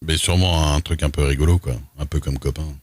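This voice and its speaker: Male streamer with a strikingly low, husky voice, dry and close, casual and rambling. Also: steady tone, fairly quick, a little mellow, no echo. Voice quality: unusual, very deep voice. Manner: reads rules aloud with loose asides. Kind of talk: casual livestream chat while role-playing.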